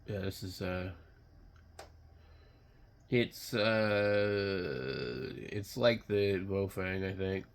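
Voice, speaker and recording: A man who is under the weather, giving casual, unscripted commentary while browsing online, muttering in a halting, blunt way. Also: low voice, creaky, a little hiss or hum. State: sick, occasional coughing and throat clearing. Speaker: radio hobbyist vlogger.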